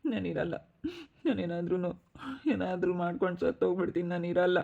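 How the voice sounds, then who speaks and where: A man's voice: high-pitched, little pitch movement, fast, phone-quality sound. Man playing a despairing young husband. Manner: pleading, repeats himself in despair. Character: distressed young husband, despairing over money. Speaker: husband in a family skit. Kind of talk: amateur family drama acting.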